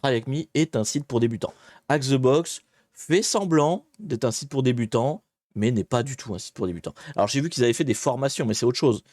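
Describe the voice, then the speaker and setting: A man's voice: mid-range voice, expressive, fairly quick, a little mellow, no room sound, clean studio sound. A man hosting a casual live-stream hacking tutorial, chatty and self-deprecating, greeting viewers and hesitating often. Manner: chatty, rambling, many hesitations.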